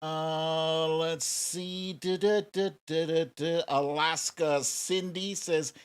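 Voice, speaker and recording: With a smooth, fairly high voice and fairly even intonation, a middle-aged American livestream host talks casually with his audience. He keeps things playful and informal, drawing out his shout-outs to viewers.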